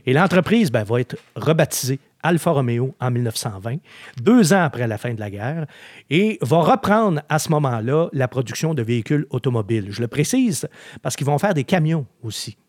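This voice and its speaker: A man's voice: medium pitch, normal speed, dry recording. Male podcast host, chatty storyteller, dry close mic. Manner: chatty storyteller, animated, with frequent filler words. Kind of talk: casual podcast chat.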